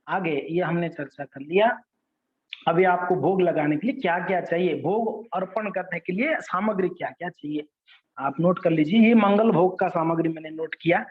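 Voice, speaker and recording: A high-voiced man gives a devotional lesson and tells stories in an animated, conversational way. His voice sits high, and the recording is dull and roomy. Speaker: devotional teacher.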